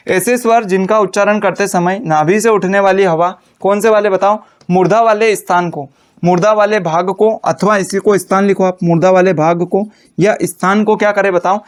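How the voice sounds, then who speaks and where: High-voiced male teacher. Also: clean tone. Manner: asks students questions and answers them himself; dictates slowly while writing notes. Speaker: Hindi teacher. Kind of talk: classroom lecture.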